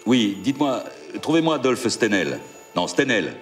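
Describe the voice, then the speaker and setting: An actor playing a middle-aged French president who barks curt orders in a period TV drama. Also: male voice, medium pitch, very animated, music in the background, close to an everyday voice. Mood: brusque. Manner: gives brisk orders, gruff. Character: older male president, commanding, curt, under strain. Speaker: President of the Republic.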